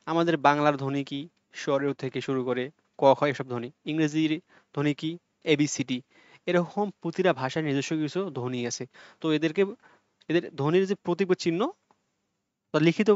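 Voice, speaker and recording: A young man teaching an exam-prep lesson at a quick clip, his voice sitting a little high. He explains each point step by step and repeats the key facts to make sure his students follow. The audio is dry and close, with a dull, lo-fi sound. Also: dry recording.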